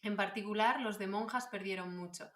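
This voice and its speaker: Spanish-accented woman from Salamanca, podcast co-host, echoey room. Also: medium pitch. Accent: Spanish from Spain. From Salamanca, Spain. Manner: quick reactive interjections, steady reading aloud. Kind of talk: casual history podcast chat. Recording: roomy echoing room.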